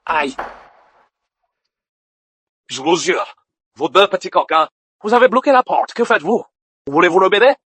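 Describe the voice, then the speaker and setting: High-pitched exasperated hunter dad, acted by a man. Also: lively intonation, normal speed, long pauses, a bit bright, slightly rough, no room sound, heavily acted. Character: exasperated hunter father scolding his children.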